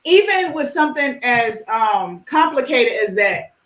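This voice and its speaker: A woman's voice: sits high, big pitch swings, fairly bright tone. Hesitant woman co-host in an echoey room. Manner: hesitant, measured, many fillers. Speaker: podcast co-host. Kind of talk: casual panel chat.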